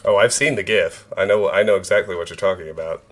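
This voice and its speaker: A man's voice: low voice, quick pace, faint music behind. A man in his thirties streaming a video game, chatting casually and joking with his viewers. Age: 30s. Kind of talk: casual live-stream chat.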